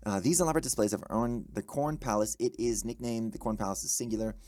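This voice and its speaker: A man tutoring for a test, thinking aloud as he works practice questions, correcting himself often and tossing in quick exclamations. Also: on the low side, no echo, clean studio sound. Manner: animated, self-correcting, quick asides and exclamations.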